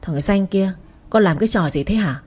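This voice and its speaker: Woman reader as an older mother on a scolding tirade, warm and husky. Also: mid-range voice, moderate pace, close to an everyday voice. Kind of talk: audiobook character reading.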